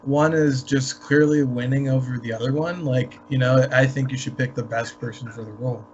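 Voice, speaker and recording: A man in a casual podcast chat, making his point in a measured, opinionated way and often saying "you know.". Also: mid-range voice, fairly even intonation. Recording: dull lo-fi sound with faint hiss.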